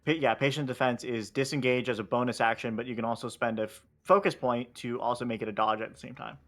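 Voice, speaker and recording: An easygoing man at a middle pitch runs a tabletop game as its game master. He calls out dice rolls and rulings in a steady way, often stopping on an um or uh. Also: fast talker, faint music behind. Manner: steady rules talk with frequent fillers.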